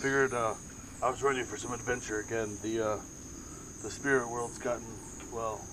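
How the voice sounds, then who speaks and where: A man voicing a slightly high male lemur spirit in a tabletop game, with a laid-back drawl. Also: steady tone, moderate pace, noisy background, lightly acted. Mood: mellow.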